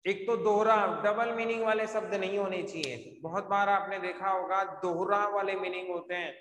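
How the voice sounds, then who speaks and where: High-voiced teacher in an echoey room. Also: male voice, fairly even intonation, moderate pace, a bit bright. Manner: asks the class questions and answers them himself, repeats key points. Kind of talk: live online class lecture. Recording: echoey room with long reverb.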